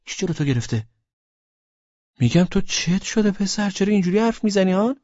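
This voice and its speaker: A man's voice: sits high, lively intonation, a little mellow, no echo, lo-fi sound, voice pushed up. A man voicing a blunt, nagging young woman who scolds and fires off questions. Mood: indignant.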